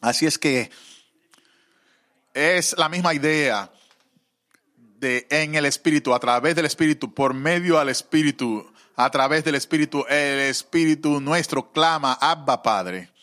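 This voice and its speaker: A man preaching a sermon, halting with fillers, then rising into fervent, emotional pleas. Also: on the high side, bright, forceful tone.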